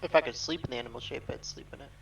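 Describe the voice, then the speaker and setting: A man playing a tabletop game, talking in a quick, offhand way. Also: mid-range voice, gravelly, fairly bright tone, recorded from a distance, slight background noise, low-quality recording. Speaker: player. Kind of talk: casual chat at a tabletop game.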